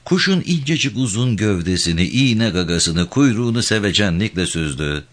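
A man reading a novel aloud as narrator, in an expressive, measured storytelling voice. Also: lowish voice. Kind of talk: scripted audiobook narration.

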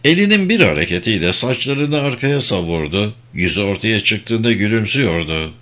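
This is an audiobook reading of a novel by a man whose voice sits on the low side. He tells the story at a measured pace, with plenty of expression.

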